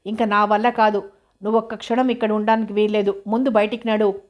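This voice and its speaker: A woman's voice: medium pitch, level tone, fairly quick, dull audio, close to an everyday voice. Woman reading as Bhavani, scornful scolding aunt. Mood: furious. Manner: scolding, sneering. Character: harsh scornful middle-aged aunt, domineering. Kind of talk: audiobook character reading.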